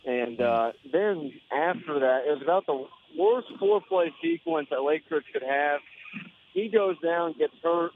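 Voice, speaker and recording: A man phoning in a live sideline report from a high school football game, recapping plays in a relaxed, conversational way. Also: unhurried, creaky, a little hiss or hum. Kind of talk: live field report by phone. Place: at a football stadium. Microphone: phone. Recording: tinny phone line.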